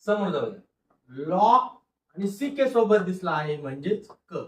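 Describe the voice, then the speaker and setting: A male teacher giving a phonics lesson, speaking slowly and repeating each word for the class to read back. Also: high voice, animated, darkish tone. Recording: echoey room, voice from a distance.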